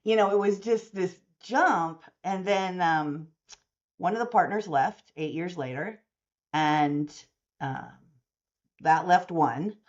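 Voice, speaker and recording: A woman's voice: fairly low pitch, slow, lo-fi sound. A woman in her sixties, a mortgage services company owner, talking in a long-form interview and acting out the voices of people in her stories. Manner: animated storyteller who acts out quoted dialogue.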